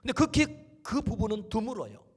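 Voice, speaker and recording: A man's voice: high-pitched, huge pitch swings, fairly quick, breathy edge. A middle-aged male pastor delivering an exhorting sermon, calling the congregation to answer amen. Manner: exhorting, call-and-response with amen. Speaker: senior pastor.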